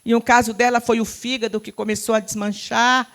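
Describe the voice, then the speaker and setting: A woman's voice: a little high, level tone, fairly quick. Fervent Brazilian woman pastor preaching. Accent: Brazilian Portuguese. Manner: impassioned, swinging from loud cries to hushed tones, speaking in tongues. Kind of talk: fervent Pentecostal sermon. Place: church sanctuary.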